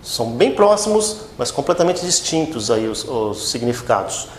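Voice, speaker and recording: A man from Brazil teaching English pronunciation, repeating each word slowly and checking in with his students after every few words. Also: sing-song. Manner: slow, repeats words for drilling, frequent "tá?" and "ok?" checks. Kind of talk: pronunciation lesson. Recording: echoey room with faint rumble.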